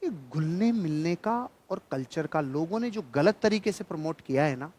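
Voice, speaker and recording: Preaching to a crowd, this male motivational speaker talks at normal speed in a slightly high, darkish, animated voice. He admonishes his listeners emphatically, driving points home by repeating phrases.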